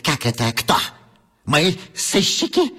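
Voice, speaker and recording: Husky, high-voiced dog detective. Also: male voice, huge pitch swings, slow, a bit bright, heavily acted. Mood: indignant. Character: dog detective, earnest, indignant leader. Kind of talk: children's audio story acting. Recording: long hall reverb, music behind.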